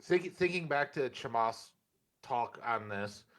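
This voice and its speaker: An American man talks through points in a casual discussion at an average male pitch. His delivery is measured and conversational, often halting as he assembles a thought. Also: animated, a bit bright.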